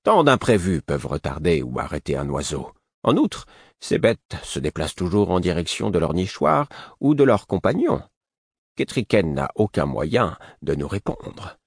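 A man voicing a wry, measured old spymaster. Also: low-pitched, sing-song, creaky, husky, dry recording, clean studio sound, exaggerated voice. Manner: measured, ironic.

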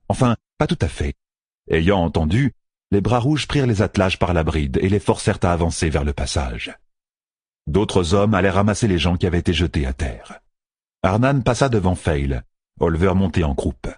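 Male audiobook narrator, deep voice, very animated delivery, dry booth sound. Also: slightly rough, no room sound. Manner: expressive, dramatic storytelling. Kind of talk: scripted fantasy narration.

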